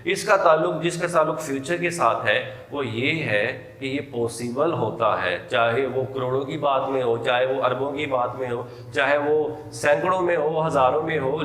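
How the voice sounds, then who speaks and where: A man with a Pakistani accent giving a recorded English lecture, repeating points and reading English example sentences out slowly and deliberately. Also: medium pitch, fairly bright tone. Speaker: college English teacher. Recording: echoey hall with long reverb.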